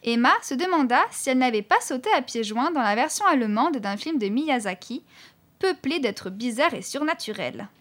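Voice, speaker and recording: A woman narrating a children's story in an expressive, clear reading voice. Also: sits high, moderate pace. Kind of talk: audiobook narration.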